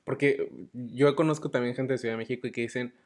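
A man's voice: medium pitch, fairly even intonation, fast talker. A man from Guanajuato who hosts a casual interview, chatty and teasing. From Guanajuato, Mexico. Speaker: host.

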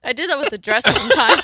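A woman's voice: very high-pitched, background noise. A woman guest on a casual podcast, a little tipsy, rambling and laughing easily as she chats.

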